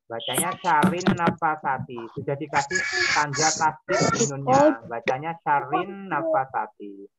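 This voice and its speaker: A woman teacher patiently explaining recitation rules, modelling each word slowly and repeating it. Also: sits low, very animated. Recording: loud crowd of pupils behind.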